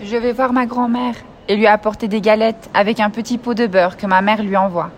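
A woman reading a storybook aloud, voicing a naive, trusting little girl with a bright, eager delivery. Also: medium pitch, fairly even intonation, brisk, slight background noise, close to an everyday voice.

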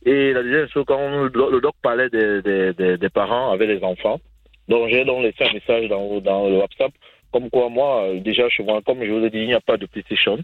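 A man from Africa calling a radio show, giving casual opinions in halting, repetitive phrases over a phone. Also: lowish voice, no room sound. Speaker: radio call-in listener. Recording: narrow tinny phone line.

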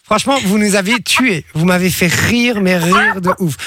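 High-voiced man hosting a radio prank call. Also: moderate pace, heavy background noise. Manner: laughing, effusive and apologetic.

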